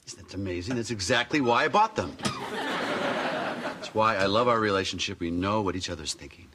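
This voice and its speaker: A man's voice: lowish voice, lively intonation, moderate pace, pushed and bright. An actor playing a middle-aged, wisecracking American TV handyman and family man in a sitcom. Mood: wry, casual. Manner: wisecracking showman. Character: cocky, joking TV handyman host and family man. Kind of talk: sitcom acting. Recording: very noisy TV studio soundtrack.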